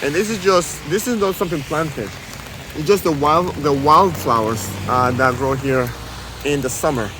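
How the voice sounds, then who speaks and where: A man's voice: on the high side, moderate pace. A man raised in Venezuela chatting casually as a travel vlogger, rambling with many fillers and restarts, filming himself outdoors on a handheld camera under an umbrella. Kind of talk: casual walking vlog. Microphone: handheld camera held close. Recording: rain noise on outdoor camera mic. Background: rain falling.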